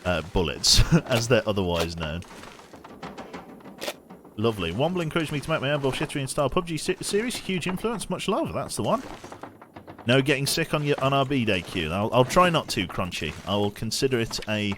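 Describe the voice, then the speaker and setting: With a noisy background behind him, a man in a mid-range voice streams a game, sounding expressive and brisk. He's chatty and mutters through each action as he goes, a little sniffly and congested.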